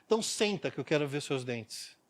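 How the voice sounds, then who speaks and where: A man voicing an experienced dentist who gives calm, firm orders. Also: on the high side, brisk, background noise, lightly acted.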